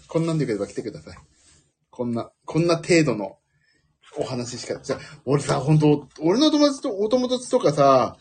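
A man's voice: on the high side, darkish tone, slight background noise. A man hosting a casual solo talk show, rambling from one thought to the next and laughing at his own jokes. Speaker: podcast host.

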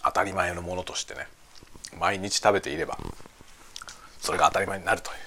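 A man's voice: low-pitched, fast, gravelly, sharp tone, a little hiss or hum. A middle-aged man chatting casually while eating, musing aloud in short phrases that trail off. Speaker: host of a lunchtime chat.

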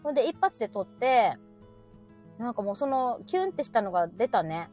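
Animated high-voiced woman with a Kansai accent. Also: a little fast, soft background music. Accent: Kansai Japanese. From Osaka, Japan. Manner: animated and chatty, often laughing. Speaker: co-host of a live audio talk show. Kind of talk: casual chat.

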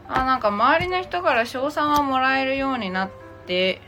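A woman's voice: high-pitched, expressive, moderate pace. A woman hosting a casual tarot livestream, chatting playfully with commenters and switching between polite and teasing casual speech. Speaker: livestream host and tarot reader. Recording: music playing behind the voice. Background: music.

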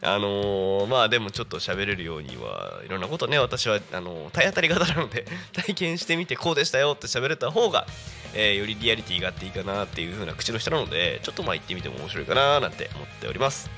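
A man's voice: fairly low pitch, big pitch swings, quick pace, sharp tone, faint music behind. A man hosting a casual live local radio show, chatty and rambling, laughing often, with a stuffy nose and throat. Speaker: radio personality.

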